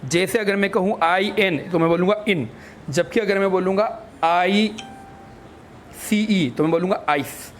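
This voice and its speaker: During a classroom phonics lesson, a man with a high-sitting voice walks through English letter sounds, with slight background noise. He spells each word letter by letter, speaks to listeners as though they're children, and answers his own questions with a patient teacher's manner.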